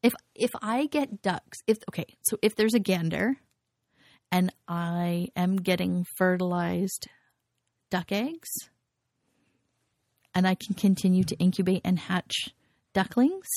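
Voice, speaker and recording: Woman co-host, casual podcast chat. Gravelly, mellow, giggles a lot, dry room. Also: lowish voice, a little slow, no echo. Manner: giggly, gushing, rambling.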